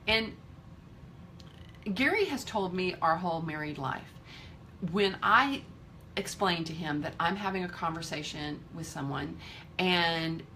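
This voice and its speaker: A woman's voice: fairly low pitch, sharp tone, slight background noise. A woman in her fifties giving a candid, emphatic motivational talk to her viewers, swearing freely. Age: 50s. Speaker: vlogger.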